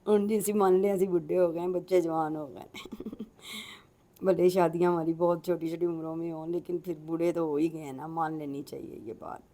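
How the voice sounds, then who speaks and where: A woman's voice: on the low side, little pitch movement, fast talker, few pauses, warm tone. A middle-aged woman with a Punjabi accent, chatting in a folksy way as a home cook in a casual cooking vlog and addressing viewers politely.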